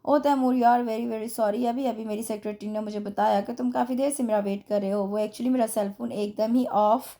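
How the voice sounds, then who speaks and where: A woman voicing a male company boss who talks in a hurried, apologetic way. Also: fairly high pitch, fairly even intonation, dark tone, natural voice.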